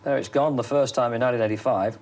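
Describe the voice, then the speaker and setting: A man's voice: medium pitch, steady tone, fast, a little mellow. Male TV presenter in an archive clip. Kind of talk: archival TV interview.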